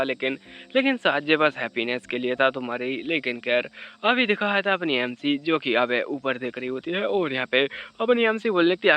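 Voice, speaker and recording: A man's voice: mid-range voice, clean tone, muffled recording. A man recapping a comic story in a casual, chatty way, adding teasing jokes between the plot beats. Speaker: manhwa explainer.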